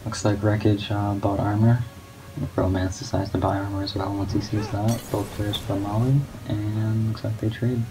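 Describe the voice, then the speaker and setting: A guest commentator gives esports play-by-play in a low, monotone male voice at a moderate pace. His delivery is low-key, and he doesn't say much, with steady background noise throughout.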